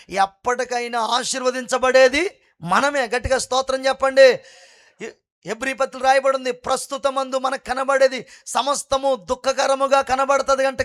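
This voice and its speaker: A man preaching a fervent sermon at an all-night prayer meeting, repeatedly calling on the congregation to praise God loudly. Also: high-pitched. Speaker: pastor.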